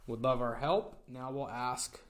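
A young man giving a relaxed, step-by-step screen-recorded software tutorial. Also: mid-range voice, a little slow. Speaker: tutorial presenter.

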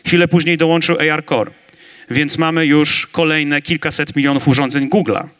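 A man speaking on a large conference stage with a handheld mic, arguing his side in a staged debate with emphatic, energetic delivery. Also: a little high, normal speed. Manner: energetic, emphatic, building to big claims. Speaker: conference debater on augmented reality.

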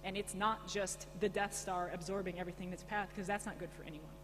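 A woman's voice: on the low side, steady tone, quick pace. A woman speaking informally on a conference panel in a large, echoing room, answering questions conversationally. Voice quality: echoey. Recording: echoey hall, humming background noise.

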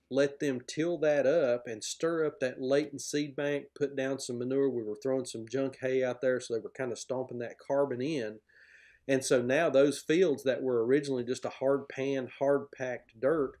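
Enthusiastic middle-aged farmer on a video call. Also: male voice, mid-range voice, a little mellow. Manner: enthusiastic, explanatory, plain-spoken. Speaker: pig farmer guest. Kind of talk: podcast interview over video call. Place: indoor room at home. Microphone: video call, webcam framing.

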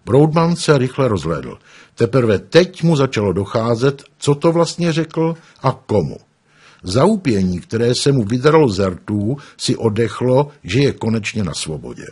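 Husky man narrating an audiobook. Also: medium pitch. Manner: expressive storytelling.

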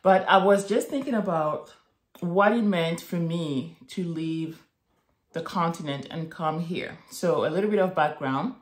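This Moroccan vlogger muses thoughtfully to camera in a low voice, a little slowly, frequently adding "right?" and "okay?". Her reflective, casual monologue comes from an indoor home office with bookshelves, captured by a desk-distance webcam in an echoey room.

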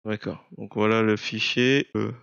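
A man narrating an unscripted software screencast, explaining step by step in a hesitant, halting way. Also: fairly low pitch, little pitch movement, creaky, clean tone, no echo, muffled recording. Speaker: software tutorial presenter.

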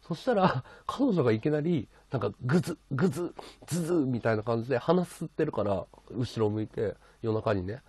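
A man's voice: mid-range voice, animated, fairly quick, hardly any pauses, warm tone, breathy edge. A man hosting a casual livestream from his bedroom, chatting and thanking his viewers as he reads their comments. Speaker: livestream host. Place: bedroom at home.

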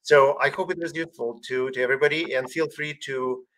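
A man's voice: medium pitch, fairly even intonation, a little fast, a bit bright, slight background noise, rough recording. A man as a guest strategy expert in a webinar, talking earnestly and often restarting phrases over a video call. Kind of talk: webinar discussion.

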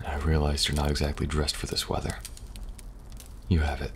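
In an ASMR audio roleplay, a male actor voices a young male special agent with an extremely low, gravelly, fry-laden voice that turns breathy at times, giving him a soft, protective air. Monotone and at normal speed, he reassures gently and a little hesitantly, with wry humor, over audible noisy ambience.

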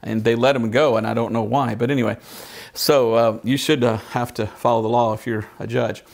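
A man leads a church Bible study in a brisk, steady, mid-range voice with some vocal fry. His manner is chatty storytelling, and he keeps putting questions to the congregation.

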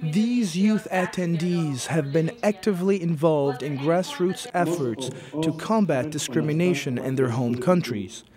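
A man giving scripted documentary narration in a measured, even delivery. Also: fairly high pitch.

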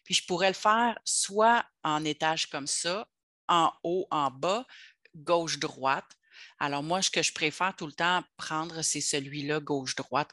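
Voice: medium pitch, pushed and bright, no room sound, clean studio sound. An adult with a Québécois French accent leads an online workshop, explaining tools step by step in a chatty way over a video call. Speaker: workshop leader for teachers.

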